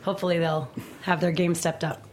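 A woman's voice: fairly low pitch, level tone, fairly quick, darkish tone. A woman co-hosting a casual interview, chatty and given to joking asides. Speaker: co-host interviewer.

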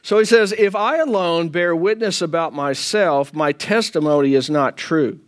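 A man's voice: a little high, normal speed. A man teaching a church Bible class in an easy, conversational way, often checking in with the room. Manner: animated, chatty, often asks "right?". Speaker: pastor leading a Bible class.

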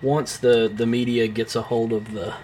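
A man's voice: mid-range voice, level tone, normal speed, mellow, a little hiss or hum. Rambling man co-hosting a film chat. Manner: rambling, many fillers and restarts; blunt, swears casually. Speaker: podcast co-host. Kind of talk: casual film discussion.

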